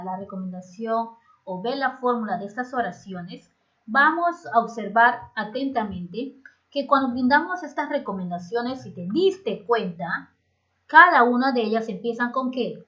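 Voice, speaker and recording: A woman teacher, explaining a grammar lesson to children slowly and patiently. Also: a little high, a bit bright. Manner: slow, patient explaining, switching between languages. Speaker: English teacher. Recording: slightly muffled lo-fi home recording.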